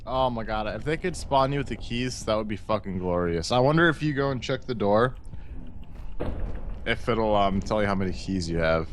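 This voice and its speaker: A man's voice: fairly low pitch, animated, moderate pace. A young man in casual gaming banter as co-commentator, slangy, profane and teasing, with game ambience behind him. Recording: background noise under voice.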